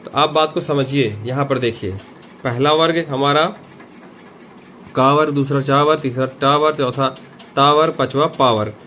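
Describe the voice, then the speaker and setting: A man teaches a grammar lesson explaining a memory trick, repeating each point and putting questions to the viewer. He has a medium pitch, fairly even intonation, moderate pace, and sharp tone, with a little hiss or hum.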